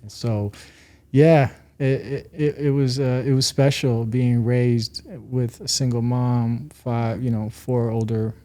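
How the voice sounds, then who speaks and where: A man's voice: medium pitch, fairly even intonation, slow pace, warm tone. A man in his thirties from Rwanda, a podcast guest chatting casually with many fillers. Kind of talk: casual interview chat.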